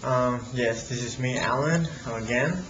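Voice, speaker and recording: Sitting at his home computer, a man who vlogs about real estate investing walks through a casual how-to, stumbling with plenty of fillers and restarts. He's a native Spanish speaker with a Latin American accent, his mid-range voice a bit bright. The roomy recording has its highs cut off and a little hiss or hum.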